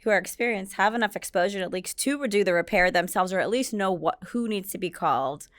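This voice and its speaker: A woman's voice: medium pitch, expressive, a little fast, dry recording. A woman hosting a podcast interview, adding realtor experience and asking follow-up questions. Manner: brief affirmations, asks follow-up questions.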